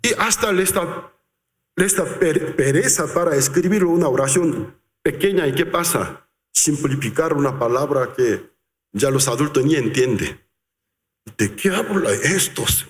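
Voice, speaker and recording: A man delivers a sermon as pastor, drawing out his words with emphatic, lively intonation. His voice carries a long, roomy reverb, as if he is preaching in a large church hall. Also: on the high side, unhurried. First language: Korean.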